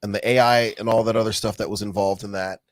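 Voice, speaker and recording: A man's voice: fairly low pitch, fast talker, dry recording, studio quality. A man co-hosting a podcast, chatting in a playful, jokey way and acting out other people in his stories. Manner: playful, jokey, animated storyteller who acts out people. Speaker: podcast co-host. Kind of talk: casual chat.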